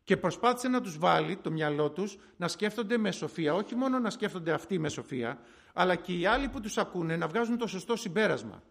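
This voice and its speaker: A man's voice: high-pitched, animated, gravelly, fairly bright tone. A middle-aged man preaching a sermon in a conversational way, telling stories and asking and answering his own questions.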